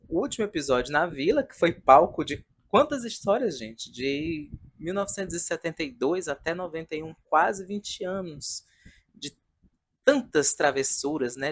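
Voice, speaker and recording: This man in his thirties has a voice on the high side with a fairly bright tone. He reviews a comedy show in a vlog, chatting casually and sentimentally in front of a decorated wall at home.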